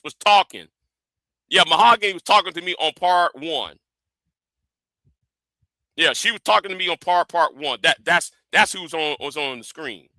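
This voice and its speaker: A man's voice: high voice, pushed and bright, dry recording. A man hosting an informal livestream rant, stammering and often repeating the starts of his phrases. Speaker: livestream host.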